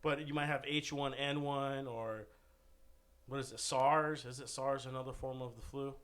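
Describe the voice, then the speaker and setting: A man's voice: mid-range voice, steady tone, moderate pace, fairly bright tone, clean tone. Rambling guy telling a sick story. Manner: rambling, loose storytelling with lots of "dude". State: recovering from covid, still short of breath. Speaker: guest. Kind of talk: casual podcast chat.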